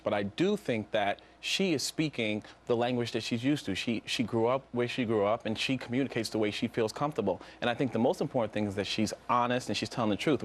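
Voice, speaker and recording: A man speaking as a guest in a live TV panel debate, making measured, qualified arguments. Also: lowish voice, a little hiss or hum.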